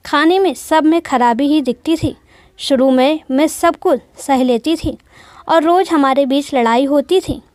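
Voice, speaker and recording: A woman's voice: sits high, darkish tone, no echo, clean studio sound. A woman voicing a young wife who tells of an abusive marriage in a sorrowful first-person account.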